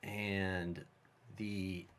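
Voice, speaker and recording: A man, a guest filmmaker, telling a story in casual, animated conversation. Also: low voice, very slow. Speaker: guest, special effects artist and filmmaker.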